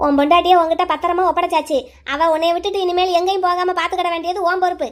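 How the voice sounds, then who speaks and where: Cartoon granny, old and bossy, scolds and meddles, very high shrill voice, a woman voices her. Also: level tone, very fast. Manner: bossy, scolding, rural Tamil speech. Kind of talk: cartoon voice acting.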